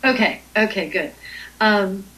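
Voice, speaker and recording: A woman guest on an interview show speaks about her healing work at an unhurried, deliberate pace. She pauses often, fills gaps with ums and backs up to restart her phrases, and her voice sits at an ordinary middle pitch. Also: fairly bright tone, rough recording. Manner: hesitant, lots of ums and restarts. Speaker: Reiki healer guest. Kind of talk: conversational interview.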